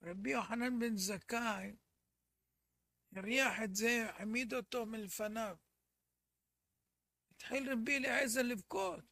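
High-voiced, gravelly male Torah teacher. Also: long pauses, pushed and bright, no room sound. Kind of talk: storytelling religious lesson.

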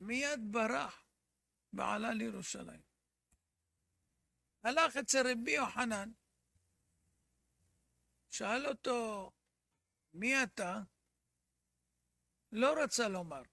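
A man teaching a religious lesson, telling a traditional story in an earnest way, often dropping to a quiet, intense tone for emphasis. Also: very high-pitched, vocal fry, pauses often, no room sound, studio quality. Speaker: Torah teacher.

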